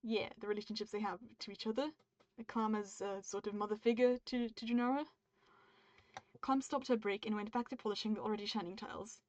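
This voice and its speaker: On a muffled, dull-sounding stream mic with no room sound, a woman from the UK reads her writing aloud, stopping partway through sentences to make changes and chat with viewers. She sounds upbeat and friendly, her voice sitting on the high side.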